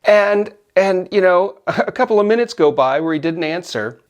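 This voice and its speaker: A middle-aged man casually telling a personal story, animated and often laughing as he acts out his own yells. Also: sits high, normal speed.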